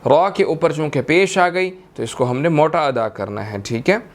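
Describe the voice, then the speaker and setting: A man teaching Quran recitation rules step by step, patiently repeating each verse slowly. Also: fairly high pitch, expressive. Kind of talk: slow step-by-step recitation lesson.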